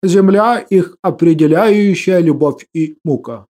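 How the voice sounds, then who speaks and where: A man voicing a wise, kindly old man who speaks slowly and solemnly in a warm voice. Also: sits high. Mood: calm.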